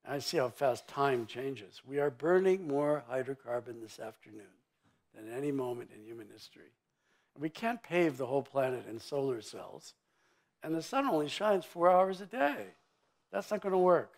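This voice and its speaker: A man's voice: mid-range voice, lively intonation, moderate pace. Emphatic older man on a conference stage. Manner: emphatic, sweeping and blunt, with vivid turns of phrase. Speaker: mining executive interviewee. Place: conference stage before an audience.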